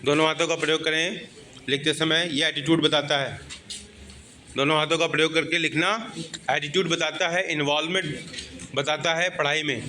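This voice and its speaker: A man's voice: fairly high pitch, fairly even intonation, normal speed, pushed and bright. A male Indian teacher dictating class notes, spelling words letter by letter and mixing English with Hindi while telling students to sit up and underline. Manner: switches between English and Hindi, scolding students to sit properly.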